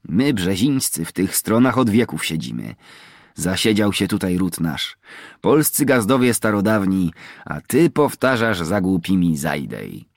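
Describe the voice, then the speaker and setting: Man reading as a proud young highland poacher. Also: big pitch swings, unhurried, creaky, no echo, studio quality, heavily acted. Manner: bold, teasing, proud. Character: young male mountain poacher, proud and bold. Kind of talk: audiobook character reading.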